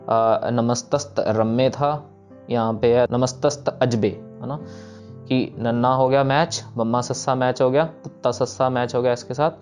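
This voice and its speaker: A man's voice: mid-range voice, a little mellow. Man patiently teaching verse recitation. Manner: patient, repeats verses slowly syllable by syllable. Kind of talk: step-by-step pronunciation lesson, slow chanted examples.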